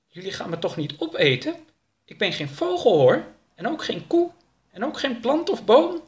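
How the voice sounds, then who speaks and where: A man's voice: extremely high pitch, big pitch swings, normal speed, voice pushed up. A man voicing a naive male alien visitor in an audiobook, talking in an innocent, literal-minded way. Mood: guileless. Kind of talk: audiobook character voice.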